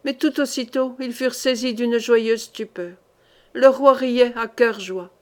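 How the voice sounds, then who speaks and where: A woman narrating a historical novel as an audiobook in a steady, measured reading. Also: fairly high pitch. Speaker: audiobook reader.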